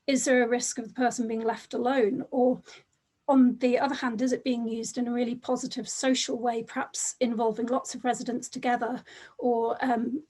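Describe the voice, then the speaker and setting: A woman presenting academic research over a video call in a measured, reflective way. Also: on the high side, darkish tone, slightly rough.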